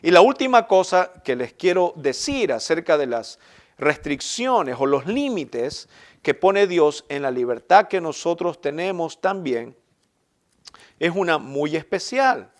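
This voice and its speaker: Earnest, fairly high-voiced male pastor preaching. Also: very animated, a little slow. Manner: earnest, emphatic preaching with rising bursts and soft trailing ends. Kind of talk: sermon.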